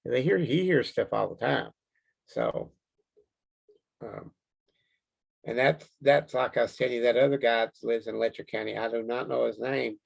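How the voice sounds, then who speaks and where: A man with a Kentucky accent talks casually as an interview guest. His voice has a gravelly creak to it, and he rambles along in a plain, folksy way. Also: mid-range voice, normal speed, long pauses. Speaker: Bigfoot researcher being interviewed.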